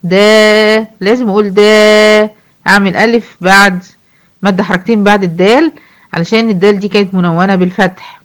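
Woman, Egyptian accent, Quran recitation teacher, casual explaining, slow recited examples. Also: mid-range voice, fairly even intonation. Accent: Egyptian Arabic. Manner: explains rules, then recites verses slowly; asks students questions and answers them herself. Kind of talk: tajweed lesson with recited examples.

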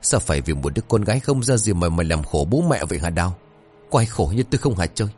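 A man's voice: deep voice, sing-song, fast, a little mellow, breathy edge, faint music behind, full character voice. A man voicing a proud, harsh middle-aged mother who scolds in an exasperated way in a told ghost story. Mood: scolding.

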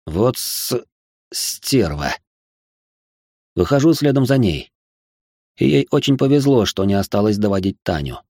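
A man's voice: medium pitch, expressive, fairly quick, dark tone, no echo, studio quality. A man narrating a novel in the first person, with a stern, curt manner in dialogue. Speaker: audiobook narrator.

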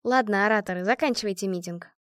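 A woman's voice: fairly high pitch, lively intonation, brisk, dry recording, studio quality, close to an everyday voice. A woman voicing a confident young team commander who gives orders decisively and likes to show off a little. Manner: decisive, a bit boastful.

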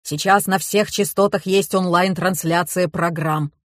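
A woman reading an audiobook, voicing a gruff, stout older police colonel who is quick to anger. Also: on the low side, fairly even intonation, dry recording, studio quality, natural voice.

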